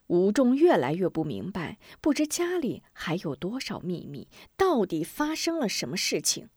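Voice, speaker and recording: A woman narrating a martial-arts story in a slow, expressive reading style. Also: medium pitch, husky, no room sound, studio quality.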